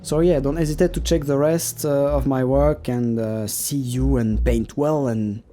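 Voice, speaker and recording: Mellow-voiced man, halting self-deprecating chat. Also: mid-range voice, steady tone, soft background music. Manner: halting, many fillers and restarts; self-deprecating, laughs at himself. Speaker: digital artist. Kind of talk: casual voice-over about his painting process.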